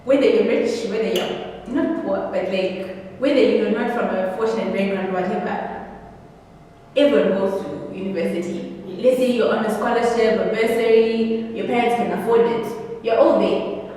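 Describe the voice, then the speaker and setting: A woman's voice: mid-range voice, moderate pace, dark tone. A woman with a Zimbabwean accent in casual, opinionated chat, speaking emphatically and repeating phrases to drive points home. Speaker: YouTube vlogger. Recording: echoey reverberant room, distant mic, faint noise.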